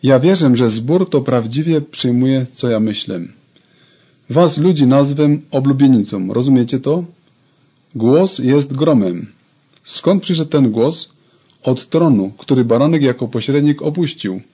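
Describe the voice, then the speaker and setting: A man's voice: medium pitch, expressive, unhurried, warm tone, breathy edge. A man preaching a sermon, fervently addressing his congregation.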